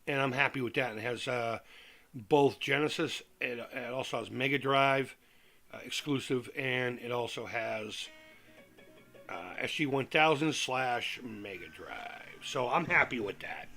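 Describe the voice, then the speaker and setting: A man chatting casually as a livestream host, candid and rambling, repeating himself, with the soft lisped diction of missing top teeth. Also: medium pitch, measured pace, soft background music.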